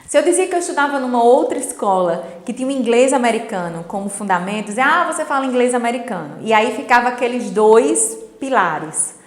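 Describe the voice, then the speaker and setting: A woman's voice: a little high, expressive, a little fast, hardly any pauses, a little mellow. Brazilian-Portuguese-speaking woman teaching in an echoey room. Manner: didactic, checks in with tag questions. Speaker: English teacher. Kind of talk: explanatory video lesson. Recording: roomy echo with long reverb.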